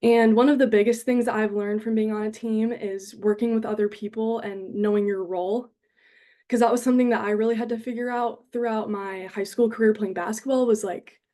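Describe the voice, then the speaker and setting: A woman's voice: mid-range voice, warm tone. An American woman around twenty, a university student giving a casual, upbeat and earnest self-introduction in conversational phrasing peppered with "like". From Denver, Colorado, United States.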